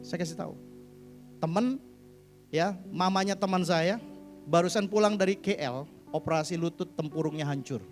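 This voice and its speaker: A man preaching a sermon as pastor at a church service, animated and swinging between loud and hushed, mixing in English words. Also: high voice, moderate pace, pauses often, soft background music. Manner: mixes English words into his speech.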